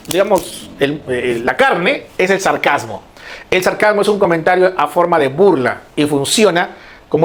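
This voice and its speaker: A man teaching an online class who explains slowly, repeats his key words and keeps asking the students questions. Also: a little high.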